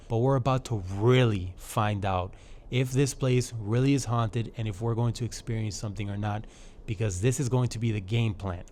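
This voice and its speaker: A man's voice: mid-range voice, darkish tone. A man co-hosting a paranormal investigation vlog, speaking in a casual, explanatory way. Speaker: vlog co-host. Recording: noisy ambient location sound.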